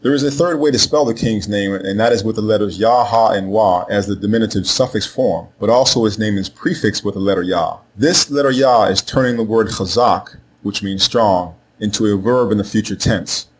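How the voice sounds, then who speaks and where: A man reads a scripted lesson in a somewhat low voice. He is measured and deliberate, spelling out letters and saying each name slowly twice. A faint noise sits under the recording. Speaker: teacher of Hebrew names. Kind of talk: scripted narration.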